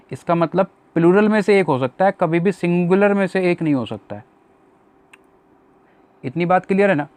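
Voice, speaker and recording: A man's voice: a little high, a little mellow. A man teaching English grammar for exams in a slightly raised voice. He works through each rule patiently, asking his students questions and then answering them himself. The sound is dry and close, with no room echo. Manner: explains step by step, asks and answers his own questions. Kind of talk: exam-prep grammar lesson.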